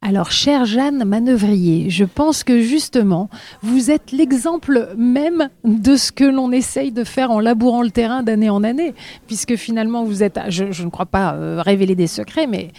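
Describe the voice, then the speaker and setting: A woman guest speaks in a radio interview with a soft, mellow voice. She hesitates often and fills pauses as she searches for words. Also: on the high side. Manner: warm, hesitant, many fillers. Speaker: guest, forum organizer.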